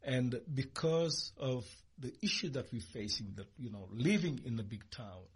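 A man from Senegal answers questions as a studio radio guest. His voice is husky and a little breathy. He speaks haltingly, restarting phrases and filling gaps while he searches for words. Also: medium pitch, animated. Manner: hesitant, many fillers and restarts. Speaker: guest, cooperative leader. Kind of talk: radio interview.

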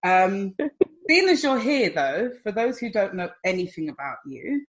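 A woman's voice: mid-range voice, very animated, measured pace. A woman hosting a casual podcast interview, bantering playfully with her guest. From South London. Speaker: podcast host.

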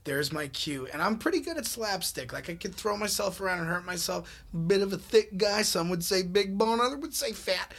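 A man telling a rowdy story in a casual chat, animated and laughing as he goes. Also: high-pitched, fairly quick, few pauses. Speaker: comedian.

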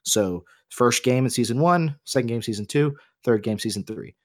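A podcast co-host with a mid-range, animated voice talks at normal speed, recorded with clean studio sound and no room sound. In this casual, opinionated discussion, he lays out his points at length in a rambling, emphatic way.

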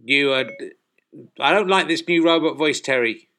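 A man doing a comic bit, getting exasperated with his phone assistant and talking to it slowly and overly clearly. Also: on the high side, bright, forceful tone. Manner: exasperated, slow and overly clear when addressing the device. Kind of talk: comic monologue.

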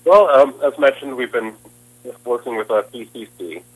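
A man guest on a radio show, speaking in a halting, hesitant way. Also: mid-range voice, slightly rough, poor audio. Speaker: guest from a bike lab. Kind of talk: casual radio interview.

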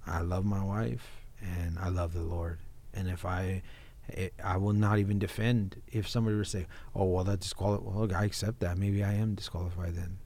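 A man's voice: low-pitched, level tone, normal speed, warm tone. A man talking casually and earnestly in an informal, heartfelt conversation, often addressing his listener as bro. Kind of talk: casual heartfelt conversation about faith and marriage.

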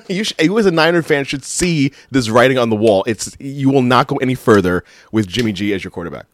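A man's voice: medium pitch, expressive, a little fast, a little hiss or hum. A man with an American accent in a casual sports debate, insistent and contrary, often repeating himself for emphasis.

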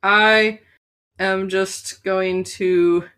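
A woman's voice: mid-range voice, steady tone, extremely slow, a bit bright, roomy sound. A woman narrating as game master in an informal, conversational way. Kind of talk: casual tabletop game narration.

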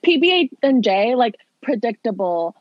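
A woman's voice: on the high side, sing-song, moderate pace, dry recording, highs cut off. A young woman co-hosting a podcast in casual chat, blunt and swearing freely. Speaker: podcast co-host.

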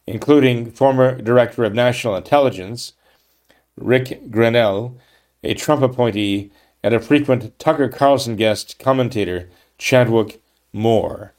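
His voice is mid-range with a darkish tone as he reads from a news story and reacts with outrage in a political commentary. The delivery is emphatic, full of restarts and "okay? right?" tags.

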